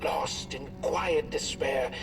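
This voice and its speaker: A man narrating a fairy-tale story for a game in an expressive storybook style. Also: on the high side, takes it slowly, gravelly. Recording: distant voice with music behind.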